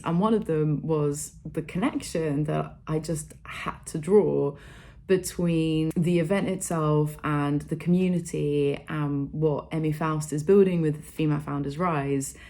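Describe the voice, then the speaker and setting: Her voice low-pitched and mellow, a vlogger and public speaker talks casually and cheerfully to camera. She keeps it chatty and upbeat, leaning on fillers such as "like" and "literally."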